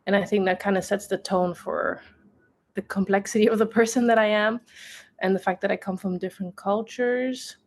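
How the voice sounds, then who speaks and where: A young woman who grew up in Tanzania, answering interview questions in a reflective, unhurried way. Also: mid-range voice, vocal fry. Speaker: guest, designer.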